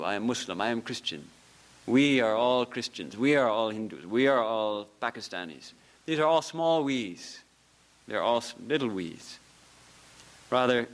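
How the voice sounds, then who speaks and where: This mid-range male voice belongs to a monk from a religious order lecturing in a temple hall. He shares stories, laughing softly and repeating phrases with earnest conviction.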